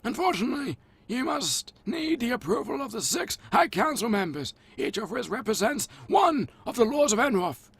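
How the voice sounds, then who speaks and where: A man's voice: very high-pitched, big pitch swings, moderate pace, creaky, a bit bright, husky, pitched above the performer's own voice, exaggerated voice. A man putting on a stereotypical old male wizard voice, thin and reedy from a dry throat. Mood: wise. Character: old male wizard mentor, rambling and absent-minded.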